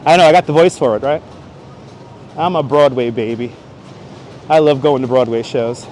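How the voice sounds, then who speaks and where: The audio is poor, but a man's mid-range, slightly mellow voice comes through at a moderate pace. He's hosting a casual outdoor livestream on busy Manhattan streets, chatting playfully with viewers and exclaiming, on a wireless clip-on mic with city street noise behind him.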